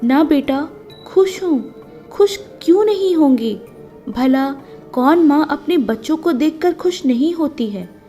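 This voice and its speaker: A woman voicing a middle-aged village mother who hides her grief, talking in a hushed, hesitant and evasive way. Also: high-pitched, animated, slow pace, soft background music.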